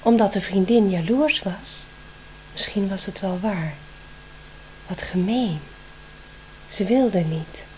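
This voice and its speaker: A woman reading a children's story aloud, expressive, slowing down for tense moments. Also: medium pitch, slight background noise, poor audio.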